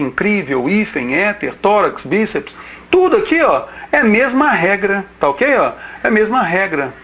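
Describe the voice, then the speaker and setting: High-voiced male teacher. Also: fairly bright tone. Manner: informal, checks in with "tá ok?"; lists example words one by one. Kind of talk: exam-prep grammar lesson.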